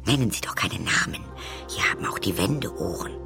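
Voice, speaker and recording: A man voicing a worried woman prisoner who speaks in a hushed, urgent way in a storybook. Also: mid-range voice, big pitch swings, a little fast, creaky, over music.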